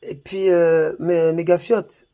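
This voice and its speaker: A man with a high, gravelly voice tears into a rival in a slangy, mocking rant. He swears freely and talks straight to the camera in a casual vlog. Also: flat delivery, slow pace, mellow. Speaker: YouTuber. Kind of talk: heated insulting rant to camera.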